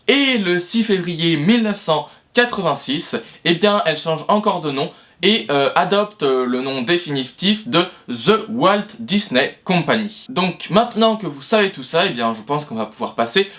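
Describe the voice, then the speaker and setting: Higher-voiced man explaining casually. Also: expressive, moderate pace, a bit bright. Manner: chatty, hesitant, many fillers and restarts. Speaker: video host.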